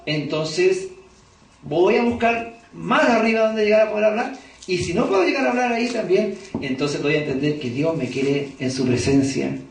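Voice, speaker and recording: A man's voice: sits high, normal speed. A man preaching as a pastor, talking conversationally and often asking the congregation rhetorical questions. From Chile. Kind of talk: sermon. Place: church hall. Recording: echoey church hall, distant mic. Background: congregation responding.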